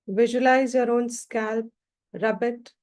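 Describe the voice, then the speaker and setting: Speaking in a fairly high pitch, this woman leads a guided meditation. She gives brief, calm instructions at a measured pace, leaving long silences between them.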